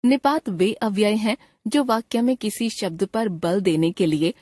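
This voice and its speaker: Female narrator for a textbook grammar lesson, slow and deliberate, dry close read. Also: medium pitch, a little mellow, dry recording. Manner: reads definitions and example sentences in a measured, deliberate way. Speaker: grammar teacher.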